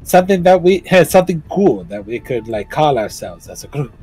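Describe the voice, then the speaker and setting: A man's voice: on the high side, very animated, moderate pace, darkish tone, husky. A man chatting casually and in character as a player in a tabletop game.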